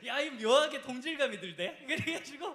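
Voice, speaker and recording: A man from Busan, a church youth teacher telling his own story to a youth group in a casual, animated way. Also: extremely high pitch, a little fast. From Busan, South Korea. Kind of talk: testimony talk to church youth. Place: church basement hall. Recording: echoey hall.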